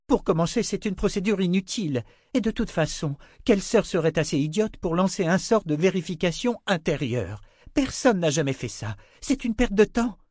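A woman's voice: medium pitch, sing-song, unhurried, darkish tone, husky, no room sound, studio quality, pitched above the performer's own voice. A man voicing a flustered, scornful woman of a religious order. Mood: agitated scornful. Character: agitated, scornful sister of an order.

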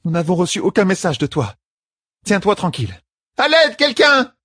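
A man's voice: sing-song, a little fast, breathy edge, dry recording, studio quality. A man voicing a young woman, an anguished sorceress leader, in a raised voice for an audiobook. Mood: urgent shouting. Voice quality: raised pitch, cries out urgently. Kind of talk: audiobook character voice.

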